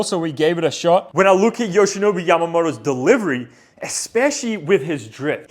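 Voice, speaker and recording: A man with a notably high voice talks through training drills as a coaching voice-over. His tone is explanatory, and he often pauses to check in with a quick "right?" or "okay?". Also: a little mellow. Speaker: pitching coach and channel host. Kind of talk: instructional voice-over.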